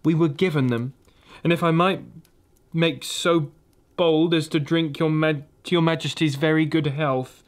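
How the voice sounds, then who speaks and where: A man's voice: a little high, steady tone, measured pace, pitched above the performer's own voice, natural voice. A man reading aloud, voicing a timid, polite old dog fox who pleads and stammers. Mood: nervous politeness. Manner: pleading, overly courteous.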